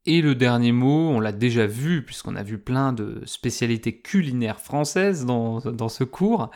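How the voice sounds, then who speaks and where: A man teaching French vocabulary to learners, slowly and patiently explaining words with lots of repetition and speaking informally to the listener. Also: mid-range voice, lively intonation, a little mellow. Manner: addresses listener informally, fillers.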